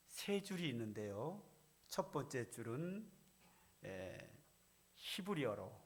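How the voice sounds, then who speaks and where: Man preaching an expository sermon. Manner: expository preaching, dramatizing quoted voices with pitch jumps. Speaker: senior pastor. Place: church sanctuary.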